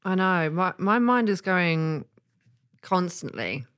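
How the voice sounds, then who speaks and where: A woman's voice: on the low side, expressive, takes it slowly, fairly bright tone, clear, resonant tone. Giggly woman chatting on a podcast. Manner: giggly, apologetic, playful. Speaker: podcast guest, piercer. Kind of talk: casual chat.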